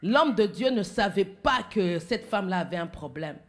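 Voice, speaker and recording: A woman pastor preaching in a church, her voice at a mid pitch for a woman. She swings between hushed, almost whispered asides and sudden loud, emphatic exclamations. The delivery is that of a sermon built around a personal testimony. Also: lively intonation, normal speed. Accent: French-speaking Central African.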